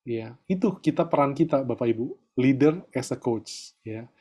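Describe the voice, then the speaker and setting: A middle-aged man coaching a group in a relaxed, chatty way, often tagging his sentences with little fillers. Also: medium pitch, normal speed, breathy edge. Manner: chatty, peppers talk with filler tags. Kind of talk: casual online coaching talk.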